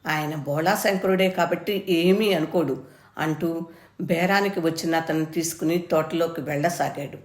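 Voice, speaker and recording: Woman storyteller, measured reading, low voice, roomy echo. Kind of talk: reading a short story aloud.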